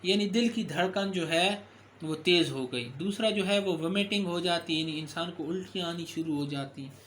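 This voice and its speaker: Man, somewhat high voice, medical lecturer, explanatory delivery with fillers, faint background hiss. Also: moderate pace, fairly bright tone. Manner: explanatory, with frequent fillers and self-corrections. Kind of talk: recorded lecture.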